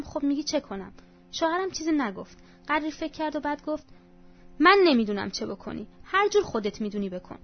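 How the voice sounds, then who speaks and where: A woman with a fairly high voice reads a first-person story aloud, her telling emotional and confessional. The sound is slightly dull, and soft music plays underneath.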